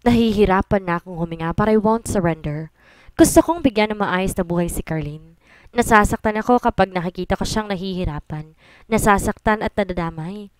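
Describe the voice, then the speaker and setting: A woman narrating a romance story in first person, with steady storytelling and English phrases mixed in. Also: mid-range voice, brisk, smooth, dry recording. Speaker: audiobook narrator.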